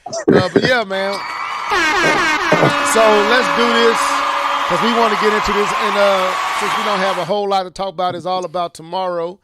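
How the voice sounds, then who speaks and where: A man hosting a casual gaming stream, playful and often loud as he chats with his co-hosts. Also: sits high, steady tone, moderate pace, loud music behind the voice. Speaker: podcast host.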